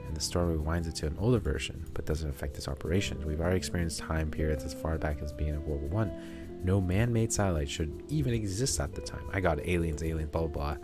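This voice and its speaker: A man's voice: extremely low pitch, fast. A male streamer reading a story game aloud in a laid-back, joking way. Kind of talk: casual gameplay commentary. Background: soft background music.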